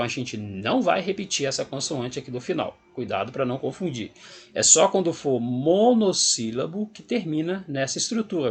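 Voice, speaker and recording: A man's mid-range voice, a bit bright and slightly rough, leads a video lesson on English grammar. Speaking with a Brazilian Portuguese accent, he explains patiently step by step and goes over the rules again and again.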